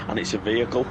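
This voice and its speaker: A British man co-hosting a race stream, chatting casually, joking and laughing often, repeating himself as he talks. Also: medium pitch. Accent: British English. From Britain. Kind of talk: casual banter over race commentary. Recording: dull lo-fi sound with clear noise.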